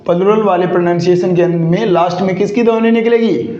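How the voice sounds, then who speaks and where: A male English grammar teacher lectures at a rather high pitch. He keeps asking rhetorical questions and repeating the answers, drilling every point. The recording is muffled and echoey. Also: steady tone, fast, warm tone. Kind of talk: classroom lecture.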